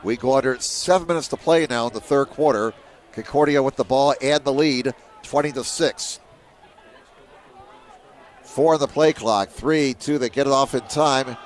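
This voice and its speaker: A man calling play-by-play for a high school football game, steady and measured that rises sharply on big plays. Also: some chatter behind. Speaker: play-by-play commentator.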